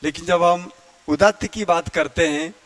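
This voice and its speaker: Male Hindi grammar teacher, high and unhurried, dry close sound, clears his throat often, chants vowels as examples. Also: a bit bright, no echo. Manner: explains slowly, chants vowels and Sanskrit verse to demonstrate. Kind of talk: classroom lecture.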